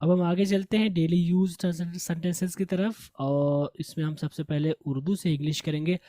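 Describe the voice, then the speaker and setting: A man's voice: fairly high pitch, flat delivery, moderate pace, dark tone, dry recording. A man teaching English vocabulary in a lesson, repeating each word and correcting common mispronunciations. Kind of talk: language lesson.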